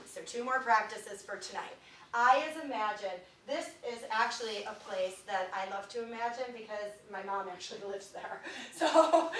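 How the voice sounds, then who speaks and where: A woman consultant leading a mindfulness workshop for families, gently guiding breathing and finger exercises and often dropping to a soft, near-whispered voice. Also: a little high. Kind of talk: guided mindfulness practice for families. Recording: roomy echo, recorded from a distance.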